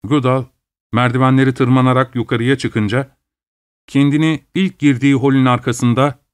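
Dry, measured male storyteller. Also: medium pitch, fairly even intonation, clear, resonant tone, dry recording. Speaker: narrator. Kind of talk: scripted narration.

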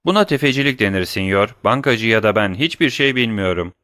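A man voicing a calm, curt bandit chief in an audiobook. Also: fairly low pitch, no room sound, studio quality. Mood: cool. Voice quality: cool, unhurried, curt.

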